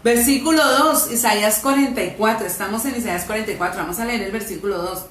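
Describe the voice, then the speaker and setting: A woman's voice: mid-range voice, fast, far from the mic. Colombian woman preaching in an echoey hall. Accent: Colombian Spanish. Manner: emphatic, rising to loud fervent peaks. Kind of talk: sermon. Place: church hall.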